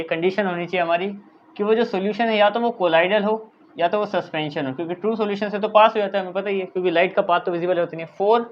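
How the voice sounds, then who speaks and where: A male teacher explaining a science lesson, often checking in with "thik hai" and slowly dictating definitions as he writes them. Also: sits high, lo-fi sound. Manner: dictates English definitions slowly while writing. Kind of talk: classroom lecture.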